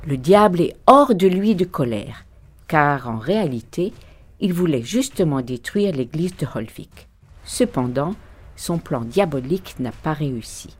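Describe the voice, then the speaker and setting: Low-voiced woman narrating a legend. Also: animated, measured pace, slightly rough.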